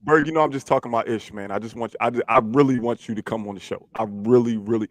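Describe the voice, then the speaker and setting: A man co-hosting a casual fan post-game show, excitable and talkative. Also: medium pitch, fast, no room sound. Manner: excitable, apologetic bursts, lively. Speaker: co-host. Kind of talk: casual sports chat.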